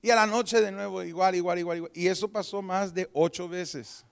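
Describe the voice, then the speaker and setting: A man preaching from the pulpit, telling his own testimony with animated storytelling. His voice sits somewhat high. He slips into the voices of the people in his story as he tells it. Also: brisk, gravelly, clean tone. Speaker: pastor. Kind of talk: sermon testimony.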